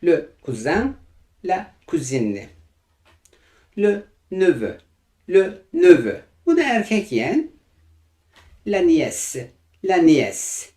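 A man with a Turkish accent teaching French vocabulary. His voice sits a little high, and his pitch moves a lot as he explains. He repeats each example phrase slowly and carefully. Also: sing-song, darkish tone. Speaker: language teacher.

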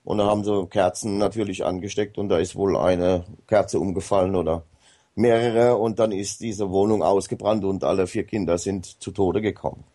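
A man's voice: low-pitched, steady tone, normal speed, warm tone. A man talking casually as a guest on a radio show, rambling with many hesitations and fillers.

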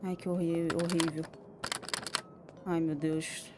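Streaming a horror game amid background noise, a woman with a Brazilian Portuguese accent talks to herself in casual commentary. Her lowish voice is slow and flat, though she swears often and jumps and exclaims at the scares.

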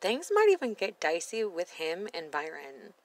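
A woman's voice: on the low side, huge pitch swings, moderate pace, low-quality recording. A woman commenting on a reality show in a sassy, blunt voice-over, swearing freely. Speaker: reaction video host.

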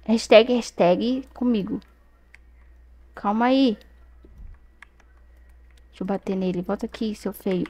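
A young Brazilian woman commenting casually on her gameplay, chatty and excitable, often exclaiming to her viewers at a desk mic. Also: medium pitch, takes it slowly, long pauses. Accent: Brazilian Portuguese. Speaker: gaming youtuber.

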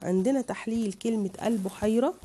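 An Egyptian woman teaches a lesson, patiently breaking words into syllables for her pupils. Her voice is mellow and warm. A faint hiss sits behind her. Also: on the high side, fast. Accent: Egyptian Arabic. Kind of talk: online lesson.

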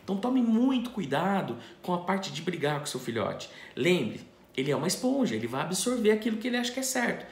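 Man teaching, lively pitch, echoey room. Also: a little fast. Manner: explains step by step, asking and answering his own questions. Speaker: dog trainer. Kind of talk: instructional talk to camera.

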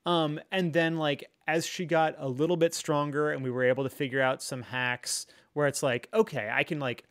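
A man with a somewhat high speaking voice talks candidly as a guest. He rambles through his thoughts, leaning on "like" and "you know," yet stays earnest and reflective throughout. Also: level tone, moderate pace, a bit bright, clear, resonant tone. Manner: rambling, filler-heavy, frequent 'like' and 'you know'. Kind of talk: candid conversational chat.

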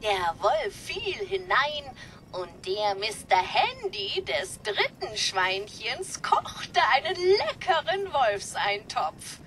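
A woman's voice: fairly high pitch, big pitch swings, slow, a bit bright, a little hiss or hum, full character voice. A woman voicing a prim female robot nanny with a slight robotic filter, telling a fairy tale sweetly in video game dialogue. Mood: doting storytelling. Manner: sing-song, sweetly doting storyteller.

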